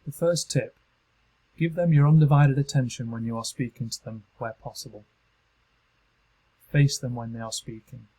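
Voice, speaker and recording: Husky man narrating a training module. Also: medium pitch, low-quality recording. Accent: British English. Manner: calm, measured instructional delivery. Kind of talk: scripted narration.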